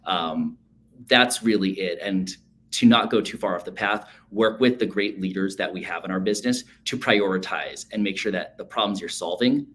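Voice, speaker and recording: A man's voice: low voice, moderate pace, fairly bright tone. A man in his thirties, a guest speaking in a casual, upbeat way with frequent fillers over a video call. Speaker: associate sales manager, guest.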